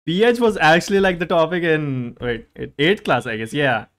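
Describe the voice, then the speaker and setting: A man's voice: a little high, normal speed. A young man with an Indian English accent, a streamer chatting casually and teasing his live chat. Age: young adult.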